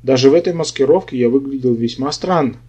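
Wry male audiobook narrator, mellow tone. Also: medium pitch, fast, slightly rough. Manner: wry, sardonic storytelling. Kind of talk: first-person humorous fantasy narration. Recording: dull lo-fi audiobook recording.

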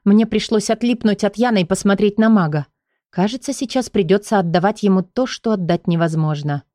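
A woman's voice: mid-range voice, brisk, dark tone, dry recording, clean studio sound. Woman narrating a fantasy audiobook.

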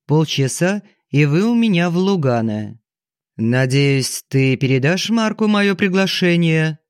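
A man's voice: a little high, expressive, unhurried, clean tone, no room sound, studio quality. A man reading a haughty, domineering older banker. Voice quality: curt, haughty, commanding. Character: arrogant older male banker, domineering and explosive.

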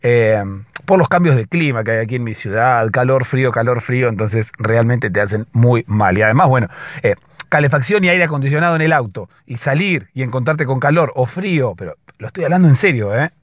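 A hoarse man hosting a casual solo podcast, explaining patiently and often checking in with his listeners. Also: medium pitch, a little fast, dry recording. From Latin America. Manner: explanatory, keeps checking in with a questioning "right?". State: hoarse, slightly husky voice. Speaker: podcast host.

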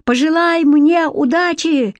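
A daring twelve-year-old boy from a storybook, voiced by a woman. He talks in a bold, teasing, excitable way, pitched a touch high. The sound is close and dry. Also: a little slow, dry recording.

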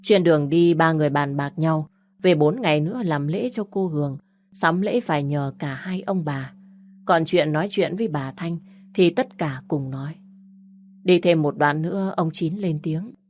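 Low-voiced woman narrating a story. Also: normal speed. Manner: steady, even storytelling.

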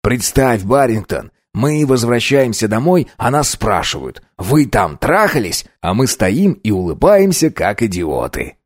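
Playing a smug, teasing young heir who's full of himself, a man pushes his offers in a playful tone. He speaks at medium pitch, sing-song and measured, with few pauses. The voice stays near his own narrating voice, recorded dry and close with no room sound.

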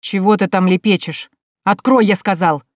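A woman reading an audiobook, voicing an enraged drunken middle-aged uncle who shouts threats and insults through a locked door. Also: medium pitch, moderate pace, no echo, clean studio sound, natural voice. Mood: shouting. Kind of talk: audiobook character voice.

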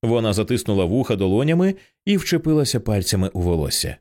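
A man narrating an audiobook in an expressive, tense storytelling style. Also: fairly low pitch, fast talker.

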